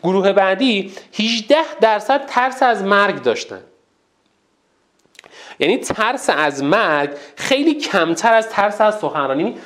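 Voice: mid-range voice, a little hiss or hum. A teacher giving a colloquial lecture in a public speaking course, asking rhetorical questions and repeating points for emphasis. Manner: animated, asks rhetorical questions to the listeners.

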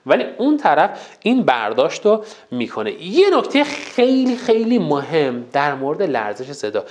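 A public speaking teacher giving a recorded course lesson, counting off numbered tips and demonstrating them. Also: mid-range voice.

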